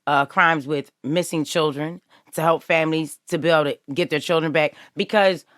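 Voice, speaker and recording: A woman hosts a casual true-crime chat, telling the story with animation and slipping into the voices of the people she quotes. Her voice sits a little low. The sound is dry and close. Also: fairly even intonation, moderate pace, fairly bright tone, dry recording. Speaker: podcast host.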